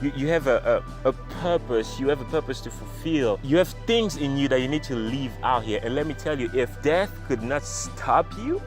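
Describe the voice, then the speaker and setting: A man from the Congo speaks to camera in a mid-pitched voice, delivering an emphatic motivational monologue. He presses his points through repetition and direct address. Music plays clearly underneath throughout. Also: expressive, moderate pace, hardly any pauses. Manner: earnest, emphatic, repeats phrases for effect. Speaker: motivational vlogger.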